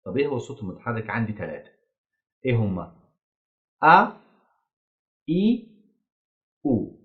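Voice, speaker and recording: A man teaching English grammar in an Egyptian Arabic accent. He asks the class questions, answers them himself, and says the English examples slowly and clearly. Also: mid-range voice. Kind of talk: grammar lesson. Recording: dull lo-fi audio.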